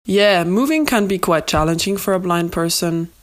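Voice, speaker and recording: A young adult woman hosting an informal educational podcast, explaining things in simple, repeated phrases on a low-quality makeshift recording. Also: animated, normal speed. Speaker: podcast host. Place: home, during a move. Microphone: makeshift non-studio microphone.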